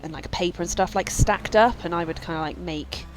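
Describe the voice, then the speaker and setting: A woman's voice: fairly low pitch, brisk, slight background noise, rough recording. A woman rambling casually while streaming a game, full of fillers and asides. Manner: rambling, chatty, many fillers. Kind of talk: casual let's-play chat.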